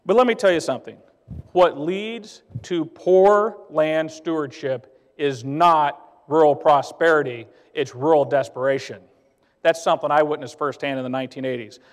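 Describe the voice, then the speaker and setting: A man's voice: fairly high pitch, moderate pace. A man giving an emphatic, plainspoken conference speech as a trade association director. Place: conference hall. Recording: long hall reverb.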